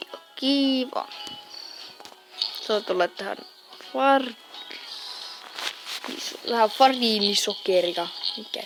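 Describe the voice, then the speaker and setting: A woman hosting a casual let's-play video, chatting and muttering reactions as she plays a farming game. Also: a little high. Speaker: gameplay video host. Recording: game music behind the voice. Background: game music.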